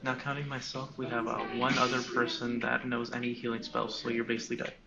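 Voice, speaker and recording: A man's voice: mid-range voice, monotone, fast talker, gravelly. A young adult man making casual banter as a player in a tabletop role-playing game. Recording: muffled mic, very loud crowd chatter.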